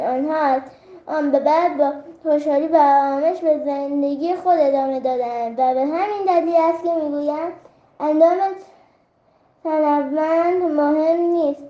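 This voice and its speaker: High-voiced woman reading a children's fable. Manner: gentle storybook reading. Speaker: storyteller. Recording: roomy, slightly dull recording.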